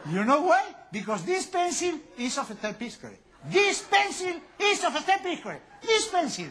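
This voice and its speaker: Man in a squeaky high, sluggish, tongue-tied comic role, live sketch. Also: animated, unhurried, sharp tone, slight background noise, exaggerated voice. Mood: flustered. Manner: stammering, tongue-tied repetitions. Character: flustered man fumbling through broken English lessons.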